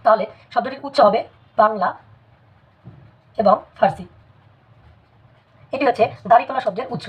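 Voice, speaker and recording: A woman teaching a spelling lesson in a measured way, repeating words for emphasis. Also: on the high side, husky. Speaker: language teacher. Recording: dull lo-fi recording.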